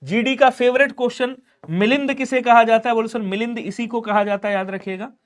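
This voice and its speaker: Young guy tutor, really high voice, brisk and chatty, keeps drilling the answers. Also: fairly even intonation. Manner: brisk, repetitive drilling, chatty asides to students. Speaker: online exam tutor. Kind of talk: live online grammar class.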